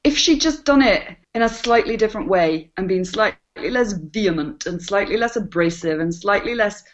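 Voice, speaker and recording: A woman's voice: medium pitch, animated, moderate pace, highs cut off. A woman co-hosting a podcast, chatting in a dry, wry way and laughing often. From Scotland. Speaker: podcast co-host. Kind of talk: casual podcast chat.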